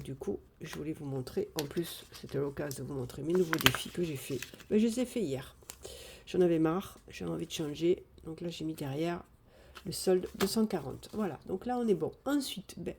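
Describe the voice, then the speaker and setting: A woman chatting casually live on a phone camera, thinking out loud as she sorts and counts cash. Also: sits low, creaky, a little hiss or hum. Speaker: budgeting vlogger.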